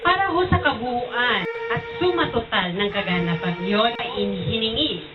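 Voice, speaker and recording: A woman's voice: fairly high pitch, lively intonation, normal speed, muffled recording, over music. A woman hosting a television program, polite and speaking straight to the viewers. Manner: polite, addresses viewers directly. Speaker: program host.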